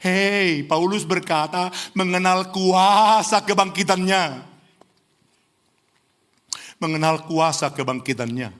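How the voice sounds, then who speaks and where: A middle-aged man from Indonesia preaching a lively sermon in a church, teasing the congregation and rising to near-shouts. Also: high-pitched, takes it slowly, long pauses. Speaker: pastor. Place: church hall.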